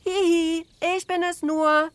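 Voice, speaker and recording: A woman voicing a small, cheeky farm girl who calls out in a shrill, excited voice. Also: moderate pace, slightly rough, no echo. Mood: gleeful.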